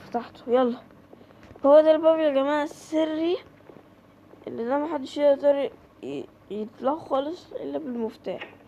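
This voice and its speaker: High-voiced Egyptian woman gaming. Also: brisk, pauses often, mellow, dull audio, a little hiss or hum. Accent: Egyptian Arabic. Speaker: gaming creator. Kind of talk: horror game let's play commentary.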